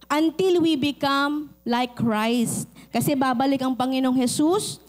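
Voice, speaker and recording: A middle-aged woman pastor with a Filipino accent, preaching a sermon and telling lively personal stories. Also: high voice, measured pace. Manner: animated storytelling, acts out quoted voices.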